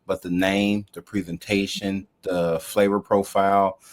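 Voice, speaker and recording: A man who owns a food truck, chatting casually and telling stories in a relaxed, lively way. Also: deep voice, unhurried. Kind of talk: casual chat.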